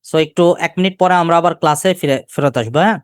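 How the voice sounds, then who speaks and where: A male teacher with a Bangladeshi Bengali accent gives a live grammar lecture. He keeps asking the class questions and repeats key terms slowly. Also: on the high side, clean tone, dry recording, clean studio sound.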